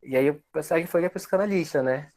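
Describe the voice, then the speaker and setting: A man's voice: on the high side, brisk, darkish tone. A young man, a researcher guest explaining his work reflectively at length. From Amazonas, Brazil. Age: young adult. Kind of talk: casual interview.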